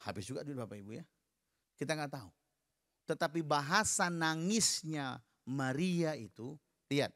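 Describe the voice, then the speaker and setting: A man's voice: fairly high pitch, lively intonation, normal speed, pauses often, fairly bright tone, dry recording, clean studio sound. A man preaching a sermon. He speaks to the congregation directly in a conversational way and leads them in reading aloud together. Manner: conversational, addresses the listeners directly.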